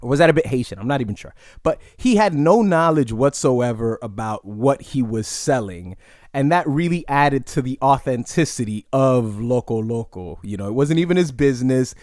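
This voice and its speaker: A man's voice: mid-range voice, lively intonation, normal speed, a little mellow, no echo, clean studio sound. Rambling New man hosting a podcast. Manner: reflective and rambling, with many "you know" asides. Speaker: podcast host. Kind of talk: casual solo podcast monologue.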